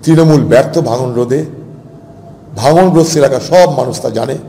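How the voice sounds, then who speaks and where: A man's voice: mid-range voice, moderate pace, creaky, mellow. A man giving an emphatic political speech, piling up repeated phrases. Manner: emphatic, repetitive rhetorical lists. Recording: faint noise, long reverb.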